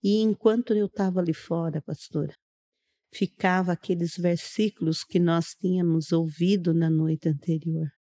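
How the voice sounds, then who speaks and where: Middle-aged woman with a low, mellow voice. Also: steady tone, normal speed. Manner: earnest, narrates step by step and acts out others' words. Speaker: guest giving a testimony. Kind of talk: casual storytelling on a podcast.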